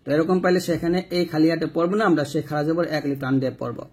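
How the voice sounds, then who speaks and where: A man teaching Quran reading step by step, spelling out letters and vowel marks and then reciting them slowly and drawn out. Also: a little high, a little mellow, slightly rough.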